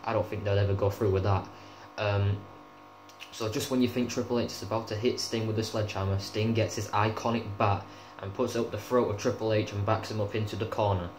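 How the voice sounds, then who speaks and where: Young guy ranting about wrestling, low flat voice, echoey room w/ a bit of hum. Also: brisk. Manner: chatty, opinionated, swears freely. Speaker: wrestling show reviewer. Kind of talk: casual review vlog.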